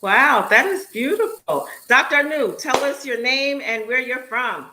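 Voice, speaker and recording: A woman's voice: sits high, animated, unhurried, background noise. A woman hosting an online interview show, upbeat and encouraging with her guests. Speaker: host.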